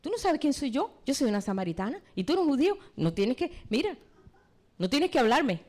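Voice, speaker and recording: Woman preaching as a shrill indignant Samaritan woman. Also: normal speed, a little mellow, lightly acted. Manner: shrill questioning, exclaiming.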